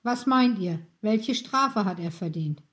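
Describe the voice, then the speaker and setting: A woman reading the part of a stern, demanding male high priest in a storybook. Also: animated, slow. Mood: outraged.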